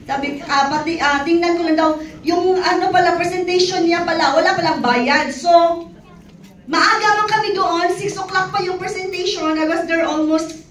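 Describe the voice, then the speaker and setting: High-voiced woman telling her story in a hall. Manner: animated storytelling with laughs and acted quotes. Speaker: testimony speaker. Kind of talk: personal testimony to an audience. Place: event hall. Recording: echoey hall from far off, audience faintly behind.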